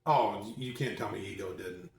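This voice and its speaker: Man, host, casual chat, soft-spoken, teasing, distant phone, echoey room. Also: lowish voice, normal speed, creaky. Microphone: phone across the room, no mic.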